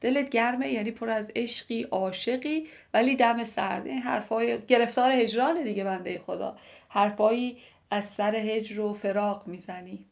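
A woman's voice: fairly high pitch, steady tone, vocal fry. A woman teaching a literature lesson, reciting classical poetry line by line and explaining it in plain everyday speech, asking and answering her own questions. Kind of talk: verse reading and explanation.

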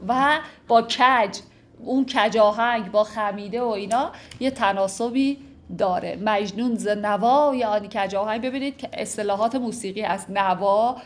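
A woman giving a lecture on classical poetry. She recites verses slowly, then explains them in casual conversational speech. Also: mid-range voice. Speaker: literature teacher.

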